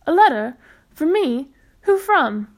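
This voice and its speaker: A woman reading aloud, voicing a quiet, startled young schoolboy in a children's storybook, close to her own reading voice. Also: high-pitched, fairly quick.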